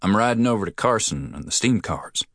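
A male audiobook reader playing a weary drifting cowboy who speaks in a terse, flat drawl. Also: on the low side, a little fast, no room sound, clean studio sound, voice pushed up.

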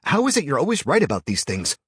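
An excitable young man, his voice pushed high and loud, shouting over a crowd, as a husky-voiced narrator puts him on. Lively and urgent, in a dry storybook reading. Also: fast, no room sound, heavily acted. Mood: excited. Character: startled young male friend, urgent and loud.

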